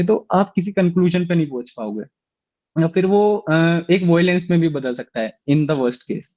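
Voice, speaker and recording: A man's voice: fairly high pitch, no echo, lo-fi sound. A man lecturing schoolchildren, explaining step by step and often checking whether they follow. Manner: explanatory, with frequent rhetorical check-ins. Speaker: instructor for schoolchildren. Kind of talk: classroom lecture.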